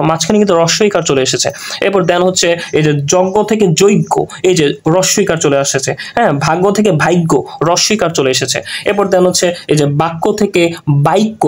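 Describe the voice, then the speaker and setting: A man teaching an exam-prep grammar lesson, explaining through repeated examples and frequent check-ins. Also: high-pitched.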